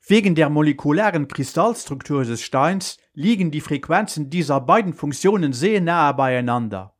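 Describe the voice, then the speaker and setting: A calm male superhero in a hurry, talking steadily and matter-of-factly over an emergency call, as a man reads him in a children's radio story. His voice sits a little high for a man and carries a slightly distant timbre. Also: normal speed. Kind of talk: school radio story reading.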